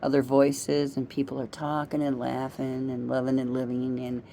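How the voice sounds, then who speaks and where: A woman's voice: extremely low pitch, little pitch movement, moderate pace, mellow, a little hiss or hum. A middle-aged woman hosting a rambling solo monologue, chatty and playful, joking at her own expense and talking straight to her listeners. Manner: chatty, playful, self-mocking, talks to the listeners directly. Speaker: podcast host.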